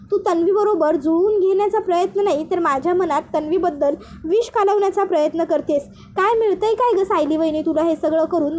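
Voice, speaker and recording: A woman voicing a young husband who is anxious and quick to anger, pressing with questions in a plain reading voice. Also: extremely high pitch, a little mellow, a little hiss or hum.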